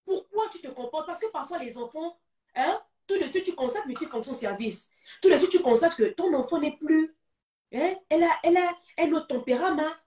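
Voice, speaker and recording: A woman's voice: high-pitched, animated, fairly quick, darkish tone, reverberant, distant mic. A woman with a Gabonese French accent giving advice to parents on a talk show, urging them in emphatic, repetitive exhortations.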